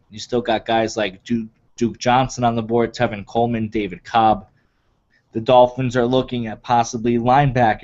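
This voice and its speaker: A man co-hosting a sports draft show talks in a casual, chatty way as he runs down the picks. His voice sits at an ordinary pitch. The recording is dull and a little lo-fi. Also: a little mellow. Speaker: co-host of draft podcast.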